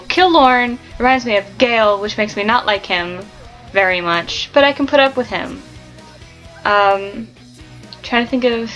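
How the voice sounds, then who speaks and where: A woman's voice: fairly high pitch, fairly bright tone, dull audio. A woman talking casually about a book she loves, gushing and ranting with plenty of fillers. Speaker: book vlogger. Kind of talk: casual book review chat.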